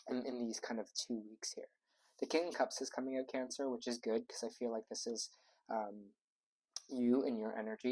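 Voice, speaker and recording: A man's voice: on the low side, a little mellow, husky, rough recording. A man giving a casual tarot reading into a wearable mic, talking in a loose, rambling way with lots of ums and likes. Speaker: tarot reader.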